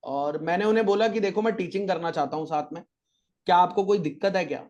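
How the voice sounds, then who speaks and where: Guest, male, 30s, chatty storyteller with a slightly high voice, casual interview. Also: quick pace, darkish tone, lo-fi sound. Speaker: podcast guest, chartered accountant teacher.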